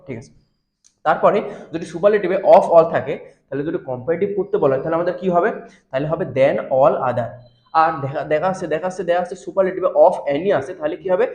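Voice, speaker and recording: A man's voice: fairly high pitch, darkish tone. A young man with a Bangladeshi Bengali accent teaching a grammar lesson at a board, explaining step by step and asking his students rhetorical questions. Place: classroom with a board. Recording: echoey, dull classroom recording.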